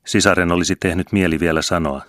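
A man reads a novel aloud in a steady, measured storybook manner. His voice is strikingly deep and low. The recording is close and completely dry, with no room echo. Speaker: audiobook reader. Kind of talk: scripted narration.

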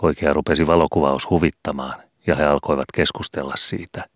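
A man reading a children's book aloud as an audiobook, in a steady, measured way. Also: extremely low pitch, dry recording, clean studio sound. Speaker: audiobook reader. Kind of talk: audiobook narration.

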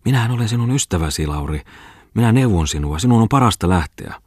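Jittery drunk office clerk, trembling whiny voice, pushed a bit higher, read by a man; storybook figure. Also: lively intonation, darkish tone, breathy edge, no room sound, clean studio sound. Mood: agitated. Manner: trembling, whining, agitated. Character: drunk, distraught middle-aged male office clerk.

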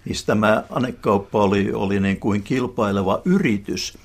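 A man, a guest expert, giving a measured explanation in a discussion, with some hesitant fillers. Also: on the low side.

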